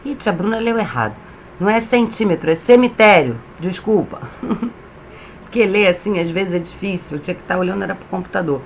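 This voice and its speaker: A woman teacher with a Brazilian accent, giving a reading lesson to young children and sounding out syllables clearly. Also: fairly low pitch, a little fast, slight background noise. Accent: Brazilian Portuguese. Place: home, reading from a computer.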